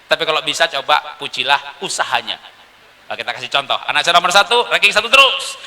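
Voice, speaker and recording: A middle-aged man giving a parenting seminar in an animated storytelling manner, with an event-hall sound. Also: fairly high pitch, fast. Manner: animated storytelling, acting out quotes. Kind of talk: public seminar talk. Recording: long hall reverb.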